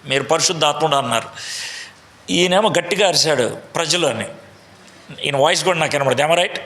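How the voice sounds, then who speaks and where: A man's voice: fairly high pitch, a little fast, a bit bright, reverberant. A man teaching a Bible lesson to a meeting, quizzing the audience and mixing in English phrases. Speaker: preacher. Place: large meeting hall.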